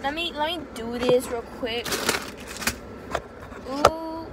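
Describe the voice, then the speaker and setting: A young woman vlogging from inside a car on a phone held at arm's length, talking casually in slangy, profane speech and getting loudly worked up. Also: high voice, slow. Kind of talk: casual vlog chat. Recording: phone recording with loud car and street noise.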